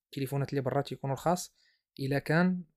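A man's voice: mid-range voice, racing, a little mellow. A man with a Moroccan Arabic accent hosting an informal explainer podcast, mixing French terms into his speech. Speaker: podcast host.

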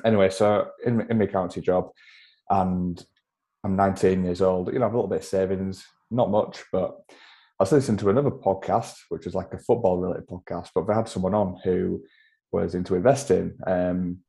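Young Yorkshire man, deep and mellow. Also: fairly even intonation, brisk, creaky. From Yorkshire, England. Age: 20s. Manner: chatty, laughs often, self-deprecating. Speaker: podcast guest. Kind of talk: casual interview chat.

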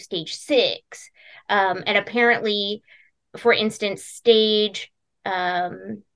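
A woman's voice: medium pitch, fairly bright tone. A woman hosting a casual podcast chat, hesitant and full of ums and uhs. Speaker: podcast host.

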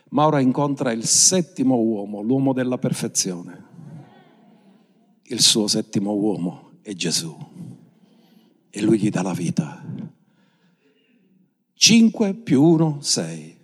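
A man preaching a sermon with passion, his voice climbing high for emphasis. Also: husky. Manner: impassioned, pitch swinging up for emphasis. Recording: long hall reverb.

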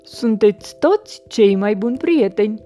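Brief: woman reading gentle storybook Oscar, calm and friendly, warm mellow voice. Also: mid-range voice, faint music behind, natural voice. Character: kind gentle male character Oscar.

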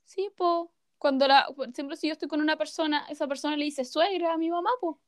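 A young Chilean woman with a high, bright-sitting voice, tossing out slang and jokes in an easy chat. The recording is dry and close, with no room sound. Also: fairly even intonation, quick pace, dry recording. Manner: joking, slangy, laughs often. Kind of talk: casual chat.

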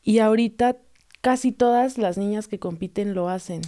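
A woman's voice: mid-range voice, moderate pace. A young adult Mexican woman, a roller skating coach, chatting in an interview and acting out the voices she quotes. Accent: Mexican Spanish. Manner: animated storyteller who acts out quoted voices. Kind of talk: casual interview talk.

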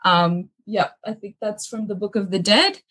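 Sitting in a book-lined bungalow room at her parents' home, a young Kuwaiti woman chats casually as an interview guest. Her mid-range voice is fairly bright with a breathy edge, moves at a moderate pace, and carries a mixed, hard-to-place accent, with frequent laughter and lots of fillers.

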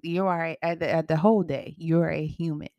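A woman with a low voice talks casually into a close mic on her astrology podcast. She is emphatic and repetitive, and she often asks a question and answers it herself. The sound is dry, with no room around it. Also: steady tone, a little fast, dry recording, muffled recording.

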